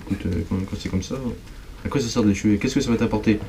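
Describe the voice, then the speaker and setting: A young man commenting on a horror game as he plays, jumpy and excitable, talking straight to his viewers. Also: fairly low pitch, quick pace, slight background noise. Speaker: gaming video creator. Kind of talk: let's play commentary.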